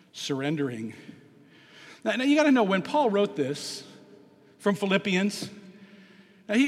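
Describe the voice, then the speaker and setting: Animated high-voiced male preacher. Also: big-room sound. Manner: animated preaching, swinging from quiet asides to loud emphatic peaks. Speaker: pastor. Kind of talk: sermon.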